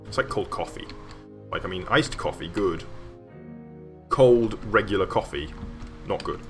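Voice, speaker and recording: Give me a man with a low voice chatting casually while streaming, over clear background music. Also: moderate pace, pushed and bright. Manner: rambling, chatty, many fillers and restarts. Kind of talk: casual live-stream chat while building.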